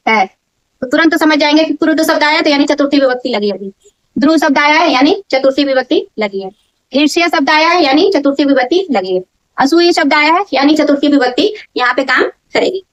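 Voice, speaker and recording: A woman teaching a grammar lesson, explaining step by step, drilling key words slowly and often checking that her students understand. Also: high-pitched, muffled recording. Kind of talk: classroom-style lesson. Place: in front of a board.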